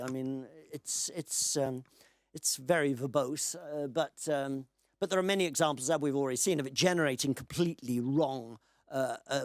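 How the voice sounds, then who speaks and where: Lively-voiced man giving a lecture. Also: a little high, no echo. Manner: dry asides interrupting his own reading, frequent self-corrections. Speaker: conference speaker. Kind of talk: lecture talk reading chat output aloud.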